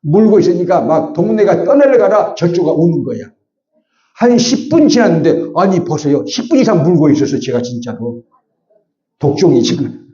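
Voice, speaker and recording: A middle-aged pastor tells a lively sermon story and acts out the people in it. His voice sits a little high but sounds mellow. It rings through an echoey church on a somewhat dull recording. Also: normal speed. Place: church sanctuary.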